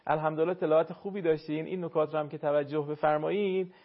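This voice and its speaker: A man teaching Quran recitation to a caller, courteous and explanatory, sounding words out slowly to demonstrate. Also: fairly high pitch, steady tone, highs cut off. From northern Iran. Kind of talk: call-in recitation lesson.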